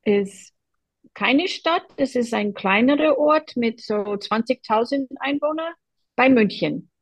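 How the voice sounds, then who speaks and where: A woman's voice: a little high, slow, no echo, poor audio. A woman from Boston speaking German with an American accent, chatting relaxedly as an interview guest. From USA (Boston). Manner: relaxed, chatty, personal anecdotes. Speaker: guest, quilt group member. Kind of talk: casual interview chat.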